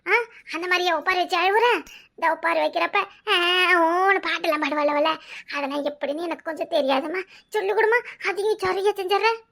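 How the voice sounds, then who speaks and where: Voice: very high-pitched, fairly quick, creaky, sharp tone, full character voice. A performer voicing a sly, wheedling adult village daughter in a cartoon, with a Kanyakumari Tamil accent and a mock-innocent way of asking. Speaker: cartoon character. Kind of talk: comic cartoon voice acting.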